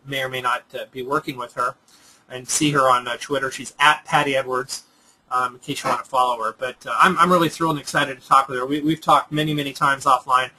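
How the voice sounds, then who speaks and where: A man from Southern California hosting a casual online chat, talking in halting bursts full of fillers and restarts. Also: mid-range voice, fairly even intonation, pushed and bright, slight background noise, low-quality recording. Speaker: host. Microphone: computer microphone on a web call.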